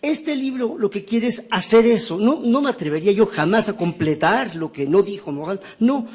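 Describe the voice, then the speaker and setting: Man, somewhat high voice, professorial author talking through his book, keeps checking in with the crowd. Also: animated, normal speed, darkish tone. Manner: professorial, rhetorical questions and tag questions. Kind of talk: lecture-style book presentation.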